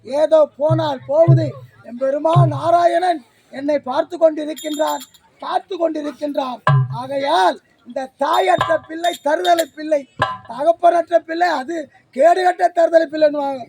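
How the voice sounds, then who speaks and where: A stage actor with a Tamil Nadu accent playing a furious, preachy old hermit father in a village drama, shouting and declaiming. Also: extremely high pitch, fairly even intonation, a little slow, music in the background.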